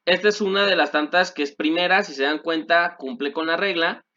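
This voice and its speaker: A young man teaching French verb forms in a video lesson, patiently repeating conjugations and filling pauses with "este". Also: a little high, sharp tone. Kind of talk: classroom-style video lesson. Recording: dull lo-fi recording.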